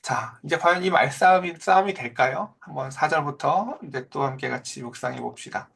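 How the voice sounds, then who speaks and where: A middle-aged male pastor gives a sermon in a talky, conversational way, with a voice pitched a little high for a man. He keeps asking the listeners questions and drops into brief mocking voices when he quotes people. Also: fairly quick, vocal fry, fairly bright tone, husky. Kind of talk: expository sermon.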